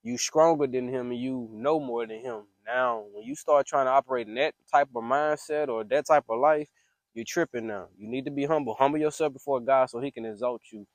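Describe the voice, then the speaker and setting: Speaking fairly quickly with vocal fry and lively intonation, a medium-pitched man records a casual voice memo of personal faith reflections. His slangy, emphatic venting and testimony come across earnest and preachy, captured close and dry.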